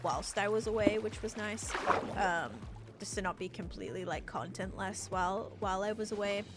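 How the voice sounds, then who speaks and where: Speaking at a moderate pace and medium pitch, this young woman from Australia sounds a little stuffed up. She rambles through a relaxed live stream, reading out chat messages over background music.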